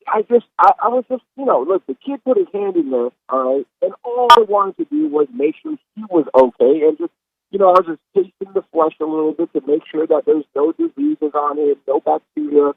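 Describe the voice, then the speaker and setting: Guy doing a rambling monkey caller, fuzz-distorted tinny phone, gravelly and bouncy. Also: a little high, no room sound, exaggerated voice. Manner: defensive, rambling, excitable. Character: brash male monkey caller defending himself. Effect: distorted, fuzzy phone line. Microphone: phone held too close.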